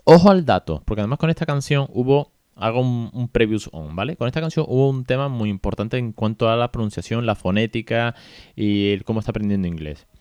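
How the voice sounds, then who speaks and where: A man's voice: medium pitch, brisk, a little mellow, clean tone, no echo. A man with a Spain Spanish accent, hosting a casual podcast monologue as a father, chatty and colloquial, with asides to his listeners.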